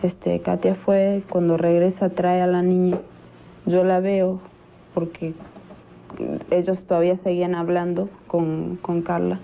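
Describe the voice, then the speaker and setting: A woman recounting events in an interview, halting and full of fillers and restarts, on a dull lo-fi recording. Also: lowish voice, level tone, creaky, slight background noise. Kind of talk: recounted testimony.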